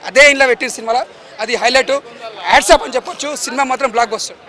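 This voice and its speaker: A man giving an excited street review of a film after a screening, talking fast and emphatically. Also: very high voice. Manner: fast, emphatic, repeats the star's full title. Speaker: moviegoer giving a public review. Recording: outdoor crowd noise behind.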